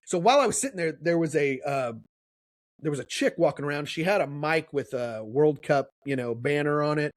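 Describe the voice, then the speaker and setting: Here a man from Kansas City, USA, co-hosting a podcast, tells a long, meandering story in relaxed conversation and acts out what people said. His fairly high voice moves fairly quickly with lively intonation, and the recording is dry and studio quality.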